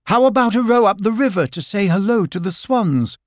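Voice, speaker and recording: A man's voice: fairly high pitch, sing-song, measured pace, darkish tone, slightly rough, no room sound, clean studio sound, full character voice. A man voicing a cheerful, practical young boy who calls out eagerly. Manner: eager, calling out.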